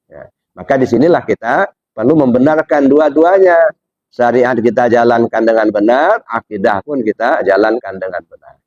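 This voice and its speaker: A man's voice: mid-range voice, moderate pace, darkish tone, no echo, dull audio. A man from Indonesia giving informal religious teaching, talking directly to a listener with rhetorical questions and frequent "ya, dah.".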